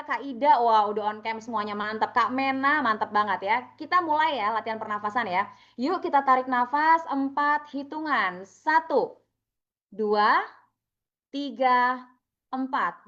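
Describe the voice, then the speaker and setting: A woman's voice: high voice, fairly bright tone, highs cut off. A young woman coaching participants over a video call, upbeat and chatty, calling on people by name. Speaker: online trainer. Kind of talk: live video-call training session.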